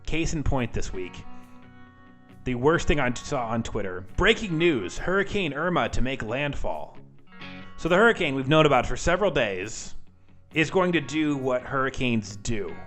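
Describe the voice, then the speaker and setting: A man's voice: mid-range voice, expressive, moderate pace, a bit bright, faint music behind. A man hosting a podcast in a casual, chatty way, informal and wry, often poking fun at himself, on a homemade recording. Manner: informal, self-deprecating, wry. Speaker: podcast host. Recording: amateur home podcast audio.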